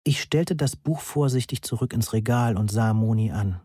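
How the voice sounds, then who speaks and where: A man reading a first-person story aloud in a measured, deadpan manner, close to the mic. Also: mid-range voice, breathy edge, no echo. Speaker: audiobook narrator. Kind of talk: first-person scripted narration.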